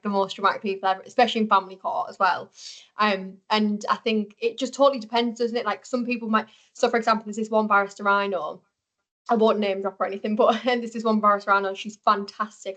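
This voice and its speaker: A woman's voice: mid-range voice, a bit bright, muffled recording. A young woman hosting a casual podcast, chatty and informal, with frequent tag questions and filler likes. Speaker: podcast host.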